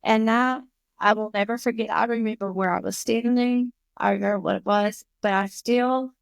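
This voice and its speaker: A woman in her fifties, a podcast guest, telling a personal story in an animated, emotional way. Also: mid-range voice, moderate pace, gravelly, dry recording. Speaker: guest, recovery school founder.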